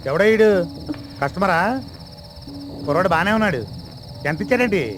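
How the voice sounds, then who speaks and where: A man's voice: high-pitched, normal speed, over music, natural voice. An actor playing a crude, bossy male broker in a comedy film scene, scolding and scheming. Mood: sly. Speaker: pimp-like broker.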